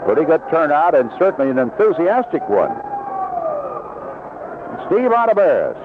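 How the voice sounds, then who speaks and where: A man with a medium pitch delivers live baseball play-by-play for old-time radio from an outdoor ballpark booth, his voice rising and falling animatedly as he tracks the game and reads promos. The noisy, band-limited AM broadcast sounds narrow and tinny.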